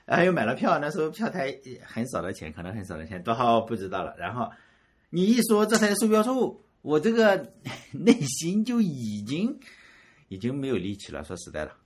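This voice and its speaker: A man from rural Shandong telling a personal story in a casual, animated way. He often repeats words and chuckles at himself. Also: mid-range voice, a little fast, slightly rough. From Shandong, rural China.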